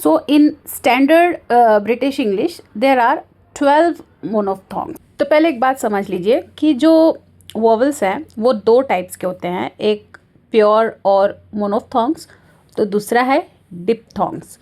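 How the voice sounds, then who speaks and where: A woman teaching a lesson on vowels, mixing Hindi explanation with careful, drawn-out English examples and modelling each vowel sound. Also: on the high side, lively intonation, a little mellow. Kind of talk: lecture explaining phonetics.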